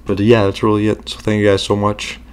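A man's voice: on the low side, completely flat delivery, brisk, clean tone. A man hosting a reaction video, talking casually and rambling with many fillers.

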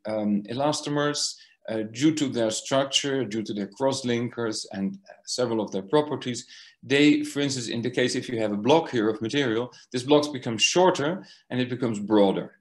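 A man giving an academic science lecture, talking slowly through slides with many fillers and restarts. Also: mid-range voice.

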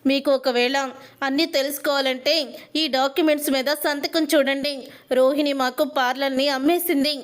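A woman's voice: high-pitched, steady tone, moderate pace, natural voice. A woman voicing a firm, businesslike beauty parlour owner in a spoken story retelling, matter-of-fact in manner.

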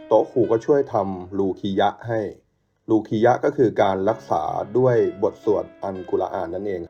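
A man narrating a first-person ghost story in a hushed, suspenseful way, as the show's storyteller. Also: lowish voice. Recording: dull lo-fi sound with soft music.

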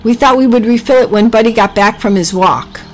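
A woman's voice: a little high, fairly quick, faint music behind, voice pushed up, close to an everyday voice. A woman voicing a carefree, mischievous young rat in a children's story, making breezy, innocent excuses. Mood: casual excuses.

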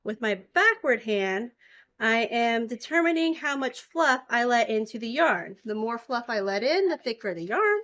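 A fiber spinning demonstrator in her thirties speaks with a fairly high, sing-song voice at moderate pace and a slightly bright tone. Recorded indoors in a concrete-floored farm shop by a handheld camera nearby, she explains her hands-on demo informally and simply, using everyday comparisons.

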